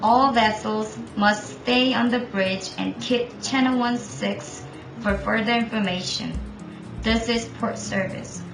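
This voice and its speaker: A woman's voice: a little high, steady tone, takes it slowly, creaky. A woman playing a port control operator on a marine radio call, speaking in clipped, formal radio procedure. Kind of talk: scripted maritime radio role-play. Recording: echoey room with music underneath.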